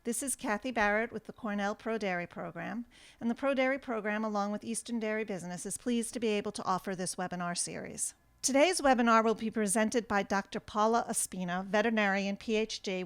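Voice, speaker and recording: A woman host reading a formal, measured introduction to a webinar. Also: mid-range voice, clear, resonant tone. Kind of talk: scripted introduction.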